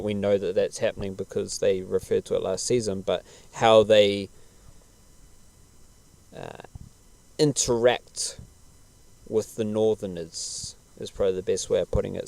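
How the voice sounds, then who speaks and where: A man's voice: on the low side, darkish tone, no echo. A man chatting casually as a podcast host, laid-back, slangy and rambling. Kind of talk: casual podcast chat about television.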